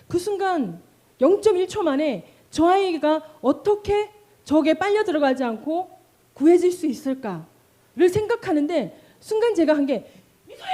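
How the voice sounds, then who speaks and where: Lively high-voiced woman pastor preaching. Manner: animated storytelling, acting out cries and calls; asks the congregation questions. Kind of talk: sermon.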